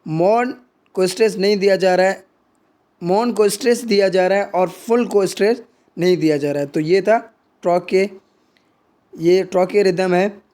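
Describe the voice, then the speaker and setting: A man teaching a lesson on English poetry, slowly reading English definitions aloud and then explaining each one in Hindi. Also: high-pitched, darkish tone.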